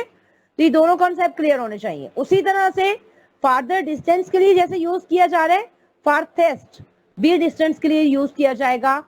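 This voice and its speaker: High-voiced woman teaching grammar. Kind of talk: online class lecture.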